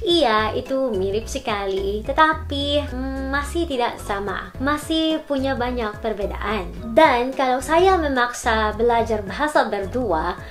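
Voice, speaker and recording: A woman with a Filipino accent speaks Indonesian as a foreigner who learned it. Her voice sits a little high. She explains things to viewers, dropping in English words, with faint music behind her. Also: animated, unhurried. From Philippines. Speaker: language learner and YouTuber. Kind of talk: explanatory talk to camera.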